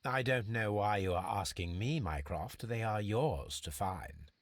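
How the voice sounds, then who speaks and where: An actor playing a self-assured, calculating gentleman detective in a video game, speaking formally and precisely. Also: lowish voice, expressive, measured pace, dry recording.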